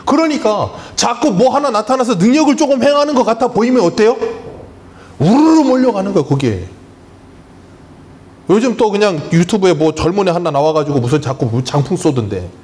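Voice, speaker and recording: A man's voice: high voice, animated, brisk, a little mellow. A man preaching a Sunday sermon as pastor, emphatic and full of rhetorical questions to the congregation. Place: church sanctuary.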